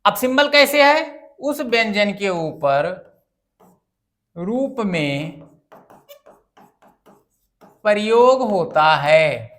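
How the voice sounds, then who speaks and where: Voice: mid-range voice, sing-song, very slow, pauses often, fairly bright tone. A grammar teacher giving an exam-prep lecture, asking questions and answering them, repeating phrases and spelling words out syllable by syllable.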